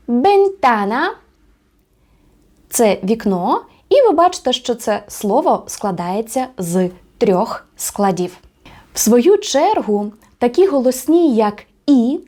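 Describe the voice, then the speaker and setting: A woman teaching an online language lesson, speaking with careful enunciation and slowing down to pronounce example words. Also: a little high, warm tone. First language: Ukrainian. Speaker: Spanish teacher.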